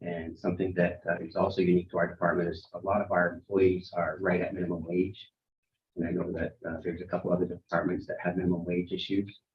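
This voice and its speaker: A man, a town recreation director, presents his budget at a council workshop, talking haltingly with many ums and restarts. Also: deep voice, flat delivery. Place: town meeting room. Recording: echoey meeting room, muffled sound.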